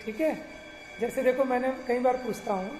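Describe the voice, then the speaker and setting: A man teaching a religious class, explaining patiently, asking rhetorical questions and chanting verses slowly. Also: extremely high pitch, reverberant, long reverb tail, over music. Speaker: scripture teacher.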